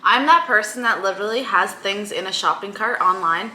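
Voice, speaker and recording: Tipsy, bright-voiced young woman in echoey room. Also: medium pitch, fairly quick. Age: young adult. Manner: tipsy, giggly. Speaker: co-host of a friends' Q&A. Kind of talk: casual group chat. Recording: echoey room, faint background noise.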